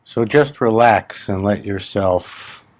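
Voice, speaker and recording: With a fairly low voice, a spiritual teacher guides a meditation in short, gentle instructions separated by long, unhurried pauses.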